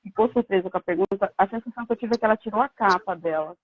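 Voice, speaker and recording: A woman's voice: mid-range voice, very fast, slightly rough, no room sound. A woman giving an earnest personal faith testimony, heard over a poor call connection. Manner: earnest, reflective storytelling. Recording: tinny phone-like line, dry.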